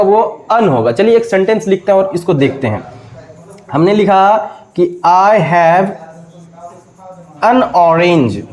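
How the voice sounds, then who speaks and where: A man's voice: high voice, darkish tone, poor audio. A man teaching pronunciation in a video lecture, explaining step by step and asking and answering his own questions. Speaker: English teacher.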